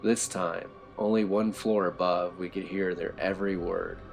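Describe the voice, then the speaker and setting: A man narrating a horror story in a low, tense storytelling manner. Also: flat delivery, moderate pace, creaky, faint music behind.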